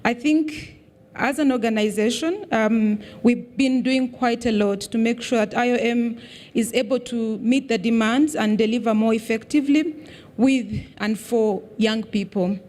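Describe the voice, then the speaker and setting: A woman's voice: a little high, a little slow, darkish tone. A woman giving a welcome speech at a summit as head of mission, engaging the audience with questions. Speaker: chief of mission. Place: conference hall stage.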